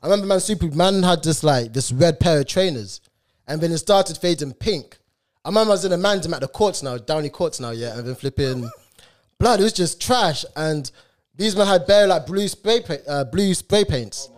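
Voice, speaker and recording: A young man with a London accent telling casual stories in heavy slang, in a halting, stop-start way. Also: on the high side, animated. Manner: slangy, halting storytelling with filler tags. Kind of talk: casual anecdote-telling banter.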